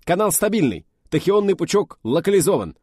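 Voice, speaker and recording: A man voicing an eager young male officer who barks out crisp military reports. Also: on the high side, lively intonation, quick pace, darkish tone, no room sound, studio quality, voice pushed up. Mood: barking reports.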